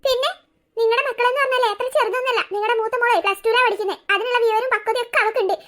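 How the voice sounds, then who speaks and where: A fiery middle-aged cartoon wife and mother, voiced by a woman, sharp and confrontational. Her voice is very high and bright, and she talks quickly. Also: fairly even intonation. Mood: furious. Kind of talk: cartoon dubbing.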